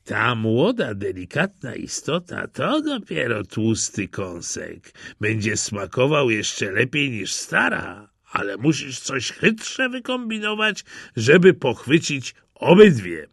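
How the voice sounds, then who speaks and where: A man's voice: medium pitch, sing-song, takes it slowly, gravelly, a bit bright, husky, dry recording, clean studio sound, exaggerated voice. A man voicing a sly, hungry male wolf who talks in a coaxing, cunning way. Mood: scheming.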